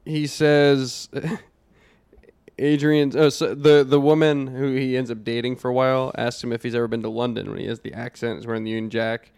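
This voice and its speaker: Smooth-voiced easygoing podcast man. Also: mid-range voice, flat delivery, normal speed, darkish tone, no room sound. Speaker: podcast co-host. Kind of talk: casual movie podcast chat.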